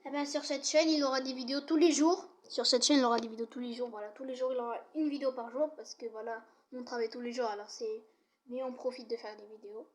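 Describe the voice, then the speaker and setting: A woman's voice: on the high side, fairly even intonation, quick pace. A young woman giving a casual home video lesson, chatty and apologetic, often restarting her sentences. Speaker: youtuber teaching English words.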